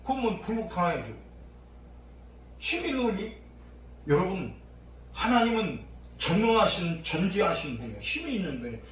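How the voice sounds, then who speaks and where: A male pastor preaching an impassioned sermon, swinging from low murmurs to shouts, recorded in a church sanctuary during an evening service. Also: big pitch swings, normal speed, pauses often. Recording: echoey church hall from far off, faint noise.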